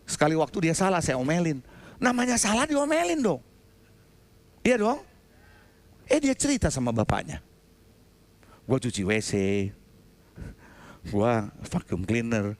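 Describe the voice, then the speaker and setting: Male pastor, high and lively voice, sermon with loud bursts. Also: measured pace, pauses often. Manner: animated storytelling with sudden loud outbursts. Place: church sanctuary.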